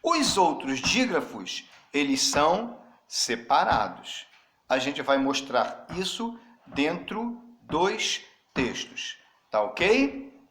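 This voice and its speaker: Man, teacher, slightly high voice, unhurried, spells things out, echoey room. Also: big pitch swings, a bit bright. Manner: slow and deliberate, spells out letters, addresses students directly. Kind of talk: classroom grammar lesson. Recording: roomy echo.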